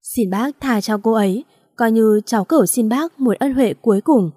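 A protective young man speaks steadily and earnestly, as a woman storyteller voices him. The voice is warm and mellow, recorded dry and close. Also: on the high side, moderate pace, husky, dry recording.

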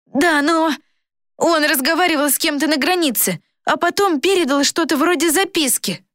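A woman's voice: high-pitched, moderate pace, a bit bright, dry recording, clean studio sound, pitched above the performer's own voice. A woman voicing a frightened young boy who talks in a breathless, stammering rush. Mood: panicked.

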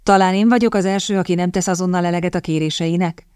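A woman voicing a mocking aristocratic gentleman with a dry, sardonic manner, in a low voice. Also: fairly even intonation, smooth, dry recording, natural voice.

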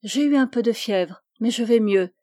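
Woman voicing a tender, ailing young heroine for an audiobook, warm dry tone. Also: fairly high pitch, moderate pace, no room sound, lightly acted. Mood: wistful. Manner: soft, wistful.

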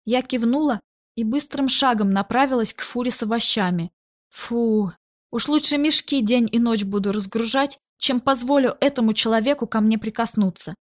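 A woman narrating a first-person story in an audiobook, reading in a tense, even storytelling voice and acting out the dialogue. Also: a little high, normal speed.

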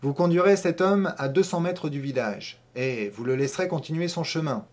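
A man's voice: fairly high pitch, normal speed, natural voice. A man reading an audiobook, voicing a pompous, irritable village mayor who barks orders scornfully. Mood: scornful, commanding. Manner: loud, scornful, commanding.

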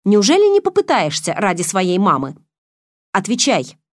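A woman reading the lines of a smooth, menacing man on the phone, calm and mocking. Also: mid-range voice, normal speed, no room sound, studio quality.

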